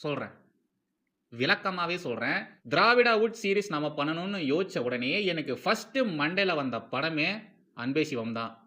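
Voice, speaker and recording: Hosting a film commentary series, this Tamil Nadu-accented man talks in a slightly high, expressive voice that sounds pushed and bright at a moderate pace. His video commentary is casual and opinionated, emphatic and repetitive, peppered with rhetorical questions and English phrases.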